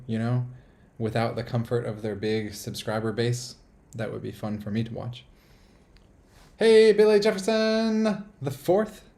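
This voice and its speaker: A man's voice: fairly low pitch, darkish tone. A man from the United States hosting a casual live stream from a small apartment, rambling upbeat and reading viewer comments aloud.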